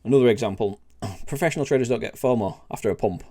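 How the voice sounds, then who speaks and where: A man's voice: medium pitch, quick pace, mellow. A middle-aged man with an old Yorkshire accent, speaking bluntly and plainly as he hosts an informal educational video, often checking in with short tag questions. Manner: blunt, plain-spoken, often tags sentences with "right?" and "okay?". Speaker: host of a trading tips video series. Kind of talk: informal educational monologue to camera.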